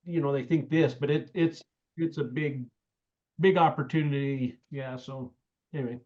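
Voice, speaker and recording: A man's voice: medium pitch, steady tone, normal speed. A man chatting casually as a participant in a group call. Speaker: meeting participant. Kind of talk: casual chat. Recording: slightly dull lo-fi call audio.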